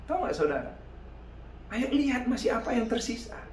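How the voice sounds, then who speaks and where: Male youth preacher, high voice, energetic sermon delivery, echoey hall sound. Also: a little fast, a little hiss or hum. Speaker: youth pastor. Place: church hall.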